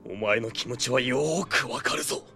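An actor playing a pompous, earnest older brother who poses as a masked knight of justice, speaking in formal, grandiose phrases in an audio drama. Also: male voice, mid-range voice, a little fast, pushed and bright, faint music behind, close to an everyday voice. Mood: earnest, brotherly. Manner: formal, archaic, theatrical and grandiose. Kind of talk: Japanese audio drama acting.

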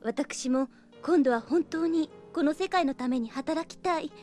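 Audio drama: gentle, troubled young priestess sister, high voice, polite and hesitant, music underneath. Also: female voice, measured pace. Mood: troubled, apologetic. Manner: refined, courteous, hesitant. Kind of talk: Japanese audio drama acting.

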